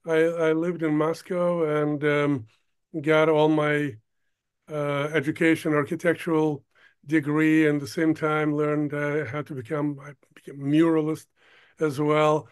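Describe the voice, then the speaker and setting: An older man from Ukraine, a producer, talking as an interview guest in a halting way, stopping often to search for words. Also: fairly high pitch, flat delivery, clean tone. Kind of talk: casual interview talk.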